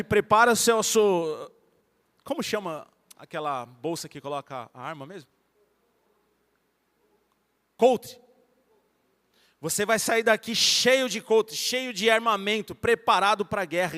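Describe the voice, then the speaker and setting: A man with a Brazilian accent delivers a fervent evangelical sermon, his fairly high voice moving between hushed and loud stretches. The sound carries a long reverb from the church hall around him. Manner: fervent preaching, swinging from soft to loud. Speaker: pastor.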